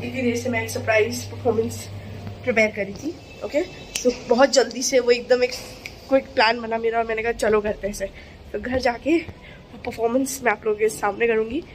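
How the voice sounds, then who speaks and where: A young woman talks straight to her vlog camera in a high, bright register. She teases the people around her and laughs often, sliding between Hindi and English, with faint background noise in the recording. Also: steady tone, brisk. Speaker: vlogger. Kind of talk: casual vlog chat.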